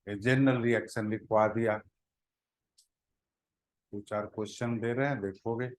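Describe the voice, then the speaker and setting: A man teaching a chemistry class, pausing to scold and prod his students to answer. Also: lowish voice, steady tone. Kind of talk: classroom lecture.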